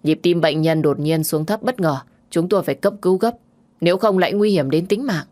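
A brisk, matter-of-fact hospital doctor with quick, formal, clinical speech, as a woman storyteller puts the part on. The voice stays low and even. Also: lightly acted.

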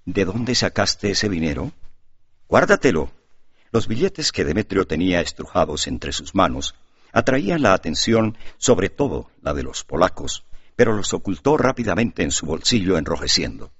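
Deep husky male audiobook narrator. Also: very animated, moderate pace, no echo. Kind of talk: scripted narration. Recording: dull lo-fi audiobook recording.

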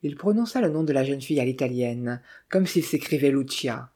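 Dark-toned audiobook narrator. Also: mid-range voice, lively intonation, a little fast. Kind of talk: scripted literary narration.

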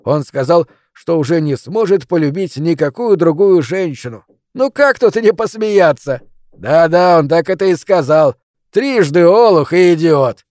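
A brash con man taunts and gloats in a raised, mellow voice, as a male audiobook reader puts him on. The recording is close and dry. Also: on the high side, expressive, measured pace, no echo, voice pushed up. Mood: mocking, gloating. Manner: mocking, loud, gloating.

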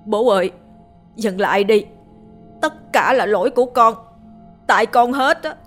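A woman's voice: on the high side, unhurried, fairly bright tone, pitched above the performer's own voice. A woman voicing a grief-stricken man who wails and pleads for forgiveness, reading a ghost story with faint music behind. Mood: pleading. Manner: wailing, pleading.

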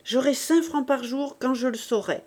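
A woman reading the lines of a rebellious teenage boy who speaks forcefully with a raised voice. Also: sits high, normal speed, pitched above the performer's own voice. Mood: defiant.

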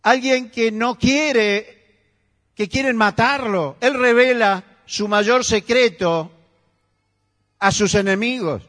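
A male pastor with a Rioplatense Spanish accent, preaching an emphatic sermon that rises to near-shouts. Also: very high voice, slow pace. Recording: echoey church hall.

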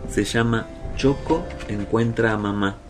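A man with an Argentine accent reading a children's story aloud, slow and expressive. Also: fairly low pitch, over music. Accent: Argentine Spanish.

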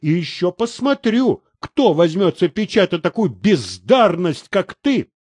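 Brief: man doing a haughty middle-aged woman publisher, cutting and scornful, lively high voice, dry close sound. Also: no room sound. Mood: furious. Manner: scornful, cutting, quick to anger. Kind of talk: audiobook character reading.

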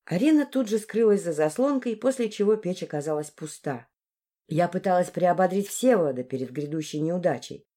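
A woman reading a first-person fantasy audiobook in an even, storytelling delivery. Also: fairly low pitch, fairly quick. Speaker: audiobook narrator.

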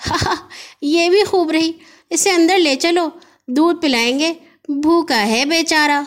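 A woman voicing a kind little girl in a children's audio story, speaking gently and plainly. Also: very high-pitched, voice pushed up. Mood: gentle. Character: kindly little girl, the boy's sister.

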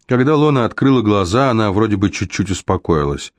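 A man narrating a first-person novel in a measured, even storytelling delivery. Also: lowish voice, no echo. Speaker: audiobook narrator. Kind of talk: first-person fiction reading.

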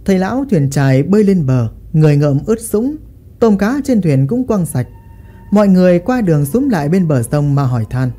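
Expressive woman telling a ghost story. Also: lowish voice, fairly quick, soft background music.

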